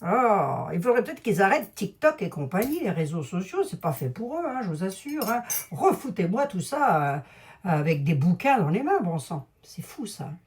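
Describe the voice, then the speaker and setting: A woman's voice: mid-range voice, big pitch swings, moderate pace. A woman with a Lorraine accent, a clairvoyant talking casually and rambling to her viewers from home while painting a room. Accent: Lorraine French. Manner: rambling, digressive, talks straight to the audience. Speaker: clairvoyant YouTuber. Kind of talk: casual chatty monologue to viewers.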